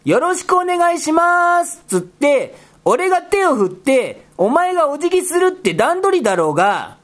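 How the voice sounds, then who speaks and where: A woman voicing a bossy, exasperated rabbit character who talks in rough boyish speech and scolds his partner in a comedy skit. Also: sits high, sing-song, moderate pace. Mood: scolding, exasperated. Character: gruff bossy rabbit guy, exasperated straight man.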